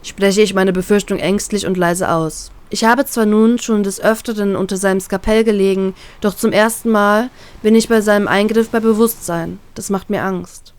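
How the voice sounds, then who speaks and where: A woman narrating a first-person fan-fiction story in a calm, even storytelling way. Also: medium pitch, moderate pace, hardly any pauses. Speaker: reader, narrator.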